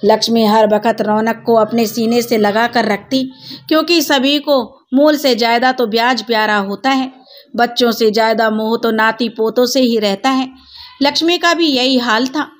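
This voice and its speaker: Woman narrating a family drama story. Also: a little high.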